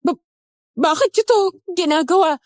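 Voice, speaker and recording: A terrified young captive nanny. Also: female voice, very high-pitched, animated, moderate pace, darkish tone, dry recording, studio quality. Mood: wary. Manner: pleading, panicked, stammering.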